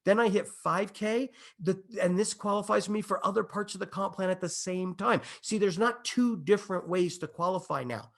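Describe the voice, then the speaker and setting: A man pitching a business opportunity, his voice sitting high for a man with a gravelly, creaky edge. He talks in an emphatic, excitable way, building hype and checking in with his listeners again and again. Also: moderate pace. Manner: repeats "okay?" and "imagine this" to the audience. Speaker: company presenter.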